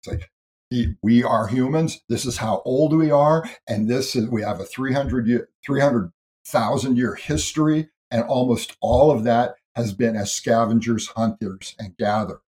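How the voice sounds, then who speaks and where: In this interview conversation, a man who is a guest speaker on history and ancestry lays out big ideas with thoughtful earnestness and a few small restarts. His voice is medium-pitched and a little mellow, his pace moderate, and the recording rough.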